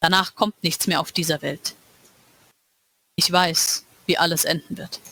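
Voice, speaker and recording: A woman reading aloud, voicing a cold, all-knowing male world ruler who speaks slowly and calmly, like a lecture. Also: a little high, gravelly, no echo, pitched below the performer's own voice, full character voice. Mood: cold commanding. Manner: slow, calm and lecturing. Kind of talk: dramatic reading of a novel.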